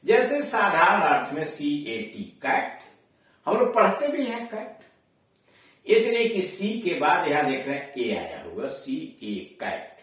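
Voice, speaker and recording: A man with a Hindi accent, teaching English pronunciation slowly in a classroom lesson, repeating each word as he explains it. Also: on the high side, huge pitch swings, fairly bright tone. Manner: slow, explanatory, repeats words for drilling. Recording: echoey room, voice far from mic.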